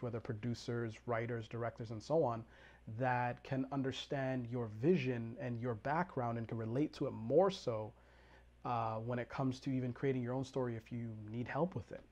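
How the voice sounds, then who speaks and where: A man's voice: mid-range voice, a little mellow. Rambling man hosting a chat podcast. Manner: rambling, restarts often, laughs easily. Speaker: podcast host. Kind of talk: casual conversation.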